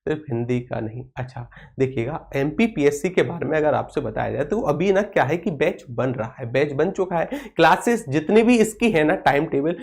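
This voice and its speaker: A man's voice: a little high, animated, normal speed, creaky, hardly any pauses, a little mellow. A man teaching a live online class, asking questions and answering them himself, and stopping to reply to viewer comments.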